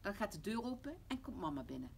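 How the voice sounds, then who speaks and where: A woman reading a children's bedtime story aloud in a gentle manner. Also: medium pitch, very animated, fast, creaky, breathy edge. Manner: gentle, hushed toward the end. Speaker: reader.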